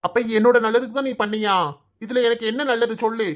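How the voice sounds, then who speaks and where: A woman's voice: a little high, fairly even intonation, fast, lightly acted. A woman voicing an exasperated young husband caught between his family in a comic cartoon, with a Kanyakumari Tamil accent, arguing and pleading. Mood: accusing.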